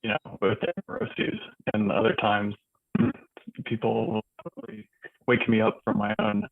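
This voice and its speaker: A man in an online discussion group shares his thoughts in a halting, reflective way while his call audio keeps breaking up and cutting out. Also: lowish voice, animated, vocal fry, no echo. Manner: halting and reflective, many ums and restarts. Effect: choppy audio breaking up and cutting out. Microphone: video call mic. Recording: tinny, dry, glitchy call audio.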